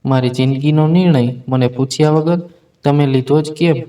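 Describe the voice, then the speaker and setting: A man voicing an angry, defiant young wife in a spoken story, in a sharp tone. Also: a little high, fairly even intonation, normal speed, natural voice.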